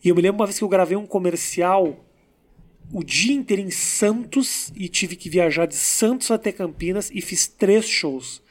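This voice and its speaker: High-voiced man talking slowly. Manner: talks slowly with deliberate pauses. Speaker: comedian interviewing a fellow comedian. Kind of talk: casual interview chat.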